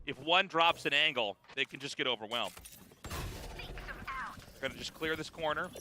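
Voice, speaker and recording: A man working as an esports caster, giving live match commentary in an excitable manner. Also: a little high, unhurried, heavy background noise. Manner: excitable, reacting in disbelief to plays.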